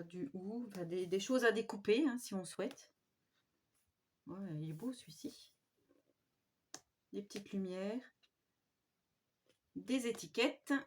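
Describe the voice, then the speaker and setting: A woman vlogger doing a casual show-and-tell of scrapbooking papers, speaking softly and admiringly with frequent hesitations. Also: medium pitch. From France. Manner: soft-spoken, admiring, with frequent fillers.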